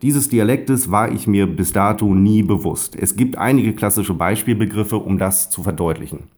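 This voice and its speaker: A man's voice: lowish voice, moderate pace, a little mellow. A man in his thirties with a Westphalian accent, reading his own blog text aloud in a wry, self-ironic way and stressing words heavily. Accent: Westphalian German. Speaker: blogger and voice-over speaker.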